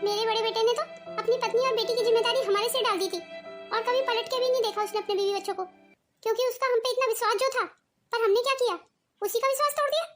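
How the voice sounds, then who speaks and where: A woman's voice: very high voice, fairly even intonation, fast talker, over music. A woman voicing an elderly mother-in-law in a cartoon family story, scolding and pleading by turns. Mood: remorseful. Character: proud elderly mother-in-law, later remorseful. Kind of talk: cartoon voice acting.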